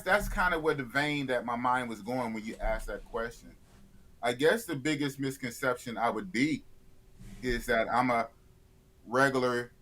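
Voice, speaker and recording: A man's voice: medium pitch, fairly bright tone. A man of fifty, a YouTuber guest in a casual live interview, blunt and opinionated, often repeating himself. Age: 50s.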